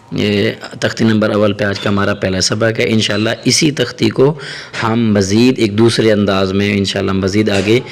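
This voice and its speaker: A man with a Pakistani Urdu accent teaching Arabic letters, drawing out each letter name slowly between quick explanations. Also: on the low side, slight background noise. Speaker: Quran teacher. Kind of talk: letter-by-letter pronunciation lesson.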